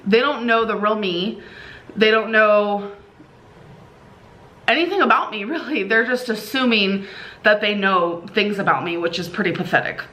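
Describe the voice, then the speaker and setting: A woman's voice: mid-range voice, normal speed, pushed and bright, rough recording. A woman telling a casual, gossipy storytime vlog in a chatty, rambling way, sounding tired. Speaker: online video creator.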